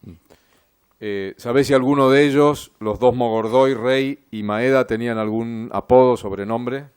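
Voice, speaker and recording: A man with an Argentine accent, a lawyer questioning a witness in court in a measured, formal way. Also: medium pitch, steady tone, a little mellow, clean tone. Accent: Argentine Spanish.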